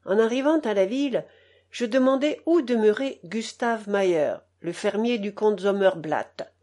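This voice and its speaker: A woman narrating an audiobook in a measured, expressive reading style. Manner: slow and measured, with expressive pitch. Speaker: audiobook reader.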